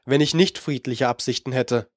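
A man's voice: mid-range voice, steady tone, normal speed, dry recording, studio quality, lightly acted. A man reading an audiobook, voicing a scheming older male sorcerer with a condescending, impatient manner.

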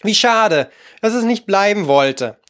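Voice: medium pitch, moderate pace, fairly bright tone, pitched above the performer's own voice, close to an everyday voice. A reader voicing an inquisitive parrot from a storybook. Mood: wistful. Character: curious talkative parrot.

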